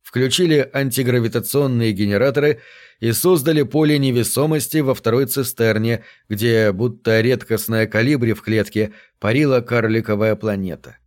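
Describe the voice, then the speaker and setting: A man reading a science fiction story aloud as narrator, steady and measured. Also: medium pitch. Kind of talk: audiobook narration.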